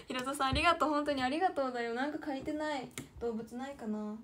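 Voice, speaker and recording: Bright high-voiced young Kansai woman. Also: expressive, normal speed, a little hiss or hum. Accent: Kyoto Kansai dialect. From Kyoto, Japan. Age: late teens. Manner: chatty, talks to herself, calls herself by name. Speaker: idol livestreamer. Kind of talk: casual livestream chat while drawing.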